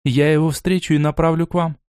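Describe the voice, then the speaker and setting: A man's voice: on the high side, flat delivery, brisk, clear, resonant tone, no room sound, clean studio sound, voice pushed up, natural voice. A man doing a tired, evasive female elf. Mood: weary. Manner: raised, soft and tired.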